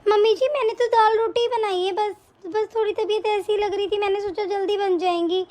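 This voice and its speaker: A woman's voice: extremely high pitch, fairly even intonation, moderate pace, a little mellow. A woman voicing a pregnant, hard-working younger daughter-in-law in a cartoon story, firm and lecturing. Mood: complaining. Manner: firm, lecturing, matter-of-fact. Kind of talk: cartoon voice acting.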